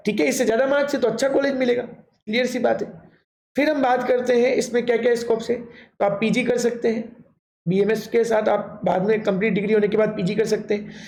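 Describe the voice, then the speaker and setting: A man's voice: very high-pitched, darkish tone. A man hosting a guidance channel, explaining in an informal way and often checking in with the listener. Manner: keeps checking in with "theek hai". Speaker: admissions guidance channel host. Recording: echoey room.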